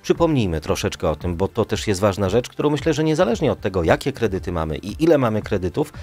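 A man's voice: fairly low pitch, big pitch swings, quick pace, a little mellow, soft background music. A man hosting a radio talk show, asking leading questions and summing up what guests say. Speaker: radio host. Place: radio studio. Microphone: studio mic with headphones.

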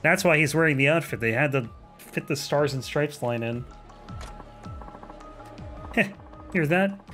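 A man's voice: mid-range voice, brisk, fairly bright tone. A man in casual gameplay commentary, tossing off dry jokes about what happens on screen. His voice sits mid-range, and faint game music runs underneath. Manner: wry, joking asides. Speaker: let's play host.

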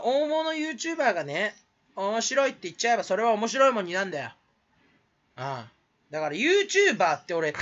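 Male YouTuber, rambling self-mocking rant, high and very animated, quick talker, bright tone, lo-fi recording. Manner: rambling, self-mocking, bursts into shrill imitated laughs. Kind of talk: casual solo rant to camera.

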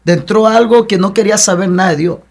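A man's voice: high voice, fast, vocal fry, a little mellow. A young man giving an emotional personal testimony with a repetitive, preacher-like cadence.

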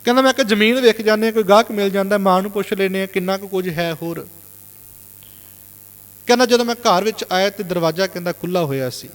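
High-voiced preacher in an echoing hall. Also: male voice, fast talker, clear, resonant tone. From Punjab, India. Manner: retells reported speech with constant "he said" tags. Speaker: Sikh preacher. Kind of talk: storytelling sermon.

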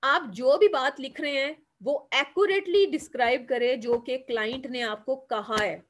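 A woman with a Pakistani Urdu accent delivers a classroom lecture at normal speed in a high-pitched voice. She explains things step by step, asks the class questions and answers them herself, and mixes English terms into her Urdu. There's slight hiss or hum in the audio.

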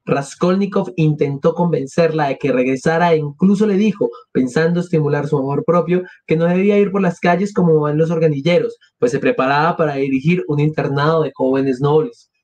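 A man's voice: on the high side, fairly quick, few pauses, darkish tone. A man reading a novel aloud on a live stream, with casual asides. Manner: conversational, self-deprecating asides. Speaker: audiobook reader and streamer.

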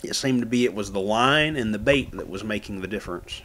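Folksy man narrating fishing tips, low voice. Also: a little fast, a bit bright. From Florida, USA. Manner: plain, folksy how-to explaining with fillers. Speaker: fishing channel host. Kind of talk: voice-over narration of outdoor fishing footage.

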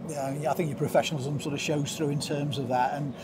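A man's voice: a little high, steady tone, fast, noisy background. A man interviewing a player after a match for the club, asking leading questions filled with "you know".

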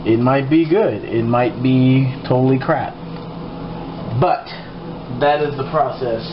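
A man's voice: medium pitch, slow. A man casually talking through a cooking vlog in his home kitchen, rambling and unsure, with many fillers. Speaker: cooking vlogger. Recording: echoey, dull, noisy home-camera audio.

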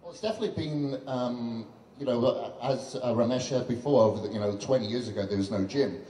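A man in his thirties speaks on stage through a handheld mic in a big event hall. His voice is mellow and dark, and his talk is earnest and chatty. Long reverb rings around him, with a faint hum of noise behind. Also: medium pitch, brisk. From Western country. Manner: chatty, earnest, many fillers like "you know". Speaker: fitness trainer and guest speaker. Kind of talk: on-stage speech at a launch event. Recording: roomy hall echo with faint background noise.

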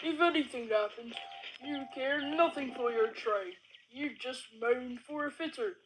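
A man's voice: very high voice, a little slow, background noise. A man voicing a proud, defiant male steam engine in an amateur toy train film.

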